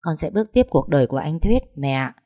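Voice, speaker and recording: A woman voicing a calm, gentle young woman who speaks softly and with restraint. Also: sits low, fast, no room sound, clean studio sound.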